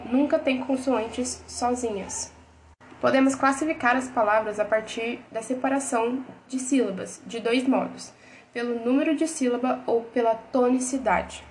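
A woman, reading grammar lesson notes as a teacher in a steady, list-like way. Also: a little high, slight background noise, rough recording.

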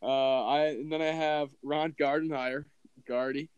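Easygoing male co-host, smooth resonant voice, dry mic. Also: on the high side, fairly even intonation, unhurried, no echo, lo-fi sound. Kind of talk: casual chat.

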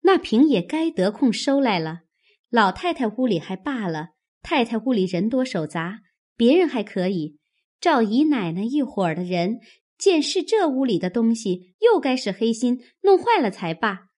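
A woman voicing a shrewd, practical young maid with a brisk, matter-of-fact manner. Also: on the high side, big pitch swings, a little mellow.

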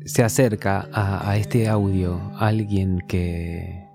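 A man's voice: low voice, steady tone, slow pace, gravelly, over music. A man with a Rioplatense Spanish accent, talking in a casual conversation and explaining his ideas through everyday examples.

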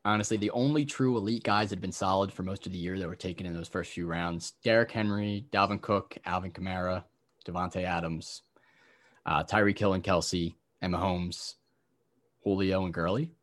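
A young man hosting a casual fantasy football podcast, briskly rattling off lists of players and giving his takes. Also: sits low, fairly even intonation.

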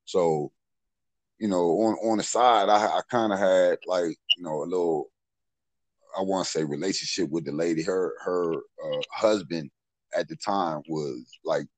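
A man's voice: low voice, measured pace, no room sound, rough recording. A middle-aged man telling street stories in a casual, profane way, full of "you know what I'm saying.". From Maryland, USA. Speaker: podcast storyteller.

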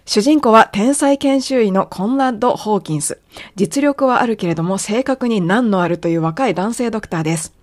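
Woman, English teacher, native Japanese, explanatory, models phrases slowly, podcast lesson. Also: medium pitch, darkish tone.

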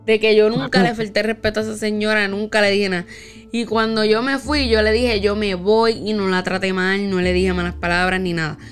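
A woman's voice: medium pitch, a little fast, soft background music. A woman telling a personal story in casual chat, acting out the lines of the people she quotes. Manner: animated, acts out quoted dialogue.

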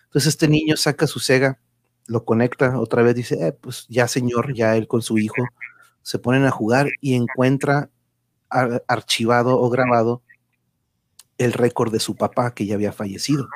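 A Mexican man hosts an online stream in a casual, rambling way. His voice sits at an ordinary male pitch. The sound is dry, with hardly any room on it. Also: fairly even intonation, moderate pace, no echo. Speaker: host of an online channel livestream.

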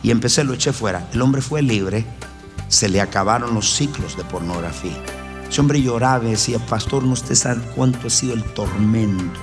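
Predicador enfático en una iglesia con eco. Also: male voice, normal speed, music in the background. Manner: emphatic, storytelling, voice swings high and low. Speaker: pastor. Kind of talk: sermon. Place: church hall. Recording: roomy hall reverb with faint ambience.

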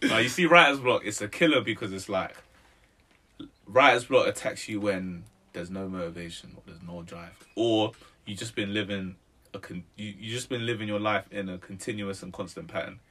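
His voice is fairly low, bright, and forceful, delivered at normal speed. A London roadman in his twenties, he chats casually in street slang as a musician under interview, finishing sentences with "innit" and "bro."

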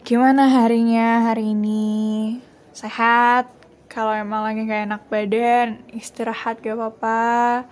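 A young woman hosting a casual solo podcast, talking in a gentle, reassuring way and slipping English phrases into her speech. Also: on the high side, little pitch movement, measured pace. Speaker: podcast host.

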